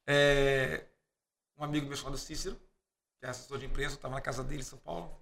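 A man's voice: medium pitch, fast talker, gravelly, a little hiss or hum. A Brazilian man, a podcast guest, telling anecdotes with animation and acting out the dialogue in different voices. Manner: acts out dialogue in quoted voices; lively storyteller, laughs between lines.

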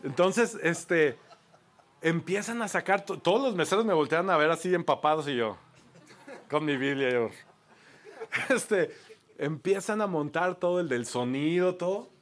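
A man with a Mexican accent preaching a sermon, an animated storyteller who often repeats his words. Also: on the high side, a little slow, long pauses. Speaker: pastor.

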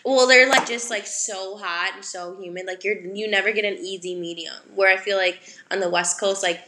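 A woman's voice: medium pitch, fairly even intonation, normal speed, pushed and bright, roomy sound, slight background noise. A young woman from Wisconsin co-hosting a casual podcast, chatty and full of fillers. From Wisconsin, USA. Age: young adult. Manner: chatty, filler-heavy, giggly. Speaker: podcast co-host. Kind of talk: casual chat.

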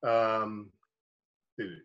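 A man co-hosting a podcast in a casual, jokey chat, animated and self-deprecating. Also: lowish voice, drawn-out words. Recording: dull lo-fi sound.

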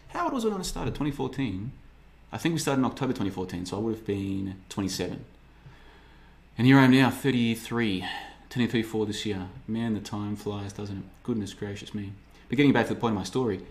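Rambling sarcastic man in his thirties. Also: lowish voice. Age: 30s. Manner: rambling, sarcastic, mimics people in mocking voices. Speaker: podcast host. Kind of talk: casual livestream monologue.

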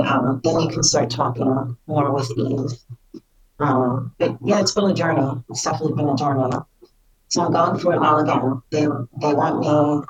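Woman spirit channeler talking, distant mic. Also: low-pitched. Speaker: spirit channeler, interview guest. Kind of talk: casual personal storytelling about channeling.

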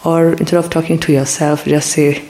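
Speaking at a normal pace in a mid-range voice, a podcast host offers a calm, reflective spiritual talk on a close mic, with poor audio. They probe the listener with many questions, turning looser and more hesitant whenever they retell a story.

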